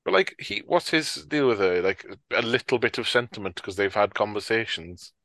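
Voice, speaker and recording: A man's voice: on the low side, animated, normal speed, fairly bright tone, no echo. A man, co-hosting a casual film discussion, who rambles, swears freely and often leaves sentences unfinished. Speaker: podcast co-host.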